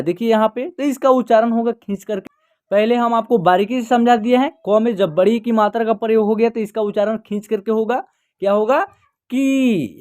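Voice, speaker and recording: A teacher giving a beginner reading lesson, patiently repeating each word and slowly stretching out syllables to show pronunciation. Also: medium pitch, darkish tone. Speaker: Hindi teacher.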